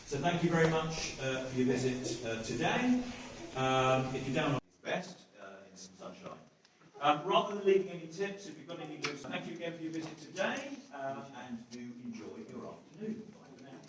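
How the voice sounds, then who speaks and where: A man's voice: a little high, brisk, background noise. A man acting as a tour guide, explaining things to visitors underground in a cave, heard with a cave echo. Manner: lively, explanatory, addresses the group directly. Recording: echoey cave from far off with faint ambience.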